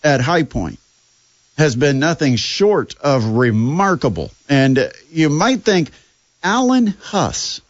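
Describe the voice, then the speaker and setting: A man's voice: mid-range voice, lively intonation, slow pace, no room sound, muffled recording. A man hosting a sports radio show, talking casually with sarcasm and plenty of fillers. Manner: sarcastic, chatty, lots of fillers.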